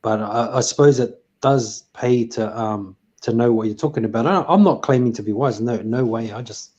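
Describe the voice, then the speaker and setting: A man's voice: mid-range voice, normal speed, darkish tone, highs cut off. A man hosting a casual chat, rambling with lots of fillers and restarts. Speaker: host.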